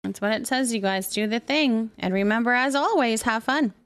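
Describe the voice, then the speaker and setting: Her voice sits on the high side, bright and smooth, moving at a moderate pace. Hosting a relaxed live stream, this woman reads out viewers' messages and replies warmly and reassuringly, using pet names for her audience.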